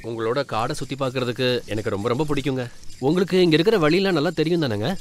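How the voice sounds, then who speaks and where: An actor dubbing a quiet young college student in a film, speaking plainly and gently. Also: male voice, medium pitch, racing, a little hiss or hum, close to an everyday voice. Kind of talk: dubbed film acting. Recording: film soundtrack with music behind.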